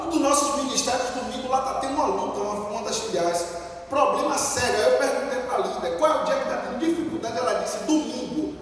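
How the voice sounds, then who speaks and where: A man's voice: very high-pitched, a little hiss or hum. A man with a Brazilian Portuguese accent preaching a fervent sermon in a church and leading the congregation in call-and-response. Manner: fervent, leads call-and-response, bursts into shouts. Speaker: pastor. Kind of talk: lively sermon. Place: church hall. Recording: echoey hall, voice from far off.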